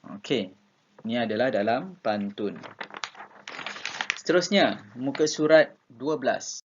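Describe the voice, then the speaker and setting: A man's voice: medium pitch, expressive, slow pace, a little hiss or hum. A Malaysian man teaching an online primary school class, patiently repeating instructions. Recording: dull lo-fi recording.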